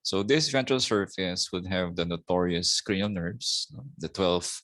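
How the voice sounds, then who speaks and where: A middle-aged man with a Filipino accent giving a slow anatomy lecture, often ending points with a questioning "no?". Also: low-pitched, a bit bright, no room sound. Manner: slow, repetitive teaching with tag "no?". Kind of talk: recorded lecture.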